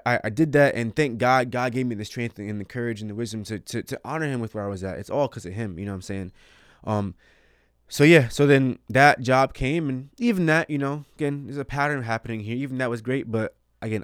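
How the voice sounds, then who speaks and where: A man hosting a faith podcast, telling personal stories in an animated, casual way, often repeating words and laughing. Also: medium pitch, smooth, no echo, studio quality. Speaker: podcast host.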